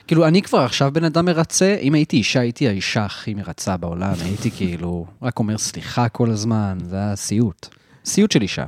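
Male podcast guest from Israel, self-deprecating mumbler, lively intonation, dry room. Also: lowish voice, no echo. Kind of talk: casual podcast chat. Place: host's apartment. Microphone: podcast microphone.

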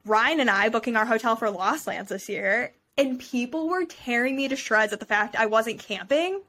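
A young woman chats casually on a podcast, rambling from thought to thought and filling gaps with "like". Her voice sits a bit high. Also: moderate pace, sharp tone. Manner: rambling, heavy use of "like". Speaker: podcast co-host. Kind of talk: casual chat.

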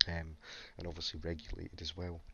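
Low, flat-voiced man with a slight cough. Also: fairly quick, gravelly, dull audio, slight background noise. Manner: rambling, many stammered restarts. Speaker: crypto AMA host. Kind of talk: casual live Q&A chat.

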